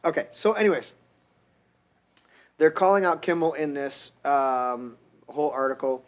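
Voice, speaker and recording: A man's voice: a little high, unhurried. A middle-aged man hosting a podcast, ranting heatedly and crudely with frequent restarts. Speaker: podcast host. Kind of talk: casual profane rant.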